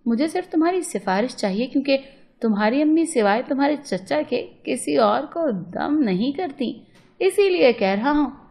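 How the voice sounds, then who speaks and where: A woman's voice: high voice, expressive, moderate pace, a little mellow. A woman voicing a teasing, sarcastic young male college classmate in a storybook reading. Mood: mocking.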